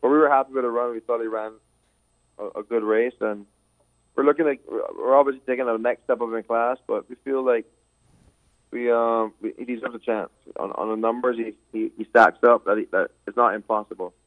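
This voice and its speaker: Thirties male trainer from Barbados, modest, phone-line sound, mid pitch. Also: steady tone, a little fast. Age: 30s. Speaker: horse trainer. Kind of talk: phone-in interview.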